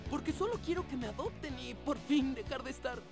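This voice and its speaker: An actor voicing an eager, lonely young orphan boy in an animated film dub, gushing with excited questions. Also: sits high, brisk, music in the background.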